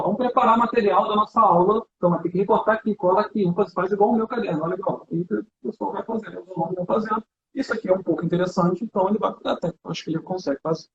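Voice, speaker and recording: A man's voice: sits high, roomy sound, highs cut off, slight background noise. A man from Brazil, a teacher, chatting casually and animatedly while demonstrating classroom materials, often adding "né". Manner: animated, hands-on, chatty with fillers like "né". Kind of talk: casual conversation.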